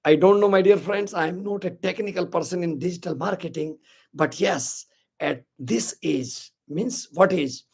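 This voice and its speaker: A man's voice: sits high, drawn-out words, gravelly, husky. A man in his sixties with an Indian accent, hosting a live motivational webinar in Hindi and English, upbeat and greeting viewers by name as "my dear friends". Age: 60s. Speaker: webinar host. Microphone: live stream to social media.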